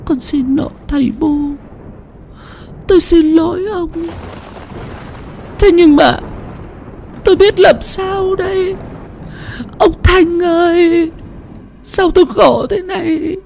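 A woman's voice: extremely high pitch, steady tone, slow pace, gravelly, long pauses, a little mellow, slight background noise, heavily acted. A woman voicing a grieving old widow who pleads through tears. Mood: tearful pleading. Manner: tearful, pleading, sobbing. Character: grieving old widow haunted by her husband.

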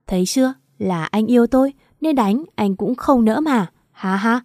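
Lady doing a mocking scheming young woman, kinda high, mellow tone, storybook vibe. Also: animated, moderate pace, no room sound, clean studio sound. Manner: taunting, laughing scornfully.

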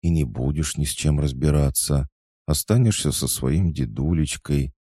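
A man's voice: rumbling low, normal speed, warm tone, husky, dry recording, studio quality, voice pushed up, exaggerated voice. A man voicing a playful, teasing goddess who soothes her friend.

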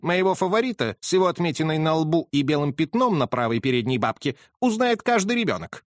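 A man voicing an excitable aristocratic old colonel who exclaims and protests in an agitated manner. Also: on the high side, a little fast, dry recording, clean studio sound, pitched above the performer's own voice, natural voice.

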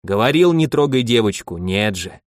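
A man voicing a weary older healer who talks in a low, tired, sighing way. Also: animated, normal speed, dry recording, studio quality, natural voice.

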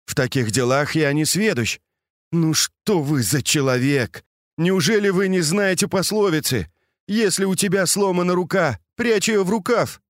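A man reading an audiobook and voicing a penitent young nobleman who mutters hurried, self-abasing excuses. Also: fairly high pitch, no echo, studio quality, voice pushed up, lightly acted. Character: young nobleman, humble and penitent, kneeling nephew.

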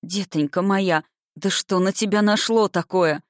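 Brief: reader doing a dramatic, fussy governess, mid pitch, dry sound. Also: a little slow, no room sound, lightly acted. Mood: fretful. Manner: emphatic, theatrical dismay. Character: fussy middle-aged female governess. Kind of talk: audiobook reading.

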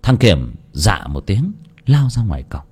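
A man's voice: lowish voice, sing-song, measured pace, a little mellow, husky. Man telling a dramatic ghost story. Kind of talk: horror story narration.

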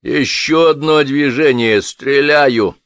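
A man voicing a hoarse, menacing armed partisan who speaks curtly and threateningly. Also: medium pitch, sing-song, normal speed, no echo. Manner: curt, threatening.

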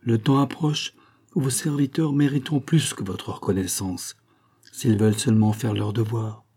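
A man's voice: medium pitch, fairly even intonation, mellow, slightly rough. Man voicing a grave, frank doctor. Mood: solemn. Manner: measured, solemn.

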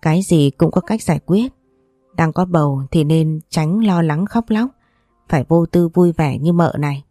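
A woman's voice: deep voice, normal speed, no echo, clean studio sound, faint music behind. A woman voicing a kind young mistress of a wealthy house, soothing and coaxing as she speaks. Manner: gentle, soothing, persuasive.

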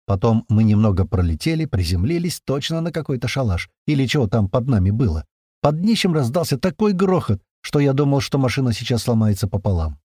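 A man reading a first-person action story aloud, telling it in a tense, lively way with plenty of swearing. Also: medium pitch, fairly quick, breathy edge, no echo, clean studio sound. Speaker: narrator. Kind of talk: first-person audiobook narration.

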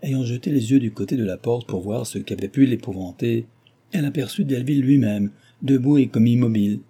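A man narrates a classic novel in a measured, expressive way. His voice is very dark and mellow, with a husky grain, at a middling pitch. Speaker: audiobook narrator. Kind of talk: scripted literary narration.

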